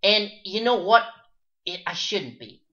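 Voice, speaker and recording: A man co-hosting a casual sports podcast, talking fast and heating up into an exasperated rant. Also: sits high. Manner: animated, rising to an exasperated rant. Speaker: podcast co-host. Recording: dull lo-fi podcast audio.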